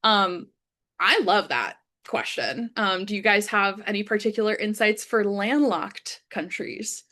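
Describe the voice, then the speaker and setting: A woman's voice: mid-range voice, unhurried, pushed and bright. A young woman hosting an online youth training session, enthusiastic and full of fillers. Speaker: webinar host. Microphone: video call.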